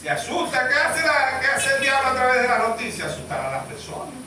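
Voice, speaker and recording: A man's voice: extremely high pitch, very animated, fairly quick, pushed and bright, slight background noise. A man preaching a sermon as pastor, emphatic, asking the congregation questions and waiting for their answers. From Venezuela. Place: church hall. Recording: echoey church sound from far off.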